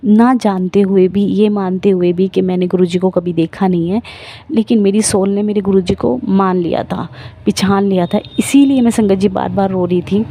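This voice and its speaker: A woman's voice: mid-range voice, fairly even intonation, normal speed, warm tone. A middle-aged woman earnestly telling the congregation her devotional testimony in an emotional storytelling manner. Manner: emotional, earnest storytelling, addresses listeners as sangat ji.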